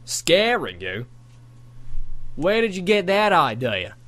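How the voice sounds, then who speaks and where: A good-natured storybook dragon drawls "mate" in a put-on Australian accent, as a man reads him. His voice bounces up and down and sits a little high for a big beast. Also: huge pitch swings, slow, fairly bright tone, heavily acted. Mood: cheerful. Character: friendly old male dragon, chatty, Australian-sounding. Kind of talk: amateur audiobook character voice.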